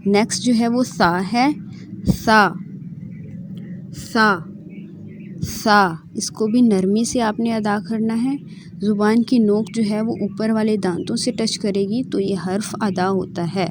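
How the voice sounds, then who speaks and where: A woman's voice: mid-range voice, noisy background. A patient woman teaching letter sounds. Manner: repeats each letter several times in a drawn-out voice, then explains calmly. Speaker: Quran reading teacher. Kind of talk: slow letter-by-letter pronunciation lesson.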